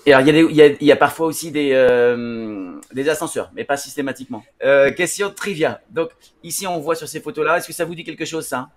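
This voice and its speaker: A man's voice: on the high side, fast, hardly any pauses. A man teaching English pronunciation on a TV show, talking with many fillers and restarts. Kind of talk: classroom-style TV lesson.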